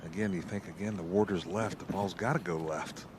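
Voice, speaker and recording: A man's voice: low-pitched, steady tone, a little fast. A man doing live golf commentary, explaining and analysing as he goes. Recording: clear outdoor background noise.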